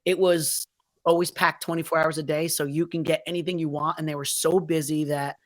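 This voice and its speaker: A man's voice: a little high, flat delivery, brisk, a bit bright. Podcast guest, man, easygoing, rambly, jokey. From New Jersey. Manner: rambling, playful exaggeration. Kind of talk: casual chat.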